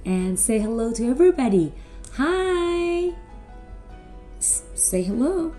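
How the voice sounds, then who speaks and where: A middle-aged woman talking to children like a kids show host, animated, with simple questions and drawn-out words. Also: high-pitched, soft background music. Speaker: children's presenter at a school Christmas service.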